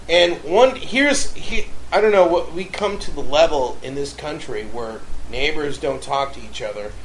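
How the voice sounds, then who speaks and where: A man casually telling a long, profane story and ranting loudly as he acts out shouting matches. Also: a little high, expressive, unhurried, a little hiss or hum, poor audio.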